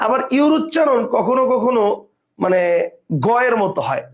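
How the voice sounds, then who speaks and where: A man's voice: very high voice, expressive, normal speed, highs cut off. A man teaching an exam prep class, explaining step by step and asking and answering his own questions.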